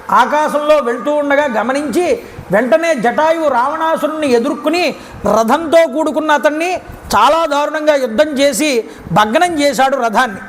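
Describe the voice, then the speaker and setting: A man with a Telugu accent giving a devotional discourse that retells an epic story, acting out the characters' words as he goes. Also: very high-pitched. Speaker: Ramayana discourse speaker. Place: temple grounds. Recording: reverberant hall, faint background noise.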